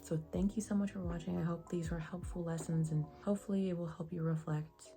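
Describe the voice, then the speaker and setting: A young woman giving casual advice in a vlog, slangy and sassy, with a flat, even delivery. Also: fairly low pitch, brisk, soft background music. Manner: says she sounds monotone. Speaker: vlogger.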